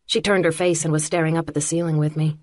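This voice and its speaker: A woman narrating an audiobook in the first person with a measured, quietly intimate reading. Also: low-pitched, little pitch movement, dry recording.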